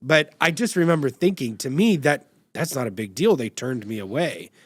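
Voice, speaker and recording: A young man hosts an interview podcast, recorded dry and close with no room sound. His voice sits in a middle register. He tells stories in a loose, relaxed, conversational way. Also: mid-range voice, normal speed, no echo. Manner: relaxed anecdotal storytelling. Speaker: podcast host.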